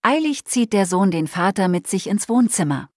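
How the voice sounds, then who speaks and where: A woman narrating a Christmas storybook in a calm, measured way. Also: mid-range voice, dry recording, studio quality.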